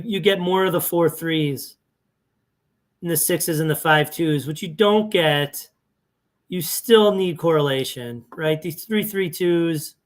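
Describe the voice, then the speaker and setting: Chatty man thinking aloud over data. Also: a little high. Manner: thinking aloud, self-correcting, conversational. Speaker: fantasy sports analyst. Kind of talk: casual screen-share walkthrough.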